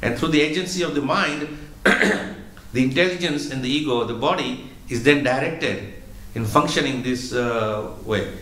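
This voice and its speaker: A man delivers a spiritual lecture with a medium pitch and a measured, explanatory manner, circling back on his own words. The sound is roomy, with noticeable echo around the voice. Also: a bit bright, slight background noise. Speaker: spiritual teacher. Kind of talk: religious lecture.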